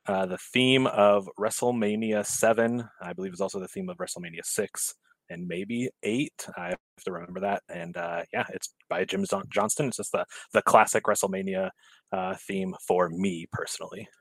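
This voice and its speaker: A man's voice: lowish voice, normal speed, gravelly, no echo, low-quality recording. A man in his thirties, a podcast guest, chatting casually and rambling with many fillers and restarts. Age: 30s. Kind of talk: casual chat.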